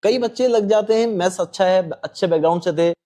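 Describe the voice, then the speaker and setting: A man's voice: sits high, a little fast, mellow. A man explaining maths exam strategy patiently, politely addressing the host as sir. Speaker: quant teacher. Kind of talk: explanatory panel talk.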